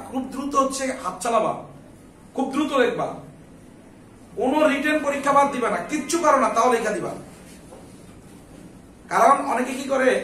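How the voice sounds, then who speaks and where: High-voiced man teaching from far off. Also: fairly bright tone, echoey room, a little hiss or hum. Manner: coaxing, repeats questions back to students. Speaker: English tutor. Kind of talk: live class lecture.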